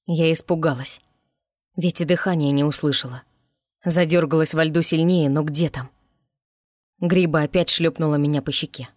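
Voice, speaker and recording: A woman narrating a fantasy audiobook in first person with an expressive reading. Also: sits low, normal speed, long pauses, no room sound, clean studio sound.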